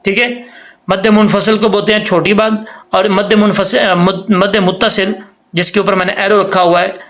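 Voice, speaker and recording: A man with a high-pitched voice teaches Quran recitation, walking through pronunciation step by step. He explains patiently, then stretches each example word out slowly so it can be copied. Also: level tone, fairly bright tone. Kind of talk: tajweed lesson.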